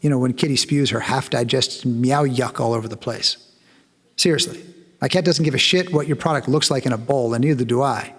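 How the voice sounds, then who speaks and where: A man's voice: mid-range voice, a little fast, a bit bright, slightly rough, long reverb tail, pitched below the performer's own voice. A man reading out an angry customer's complaint in a sarcastic, exasperated voice. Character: angry male cat owner complaining.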